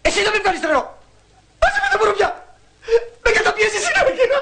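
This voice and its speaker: An actor playing a flustered, excitable henpecked husband in an 1980s film comedy, pleading in court and arguing with his wife. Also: very noisy. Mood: frantic. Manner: frantic, voice climbing high. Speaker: husband in a divorce case. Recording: echoey hall on an old film soundtrack.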